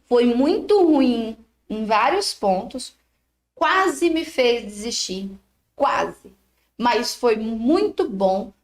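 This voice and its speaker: Young brazilian woman chatting away vlog style, high voice, pretty echoey room. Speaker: biscuit artisan and course creator. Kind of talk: casual storytelling vlog.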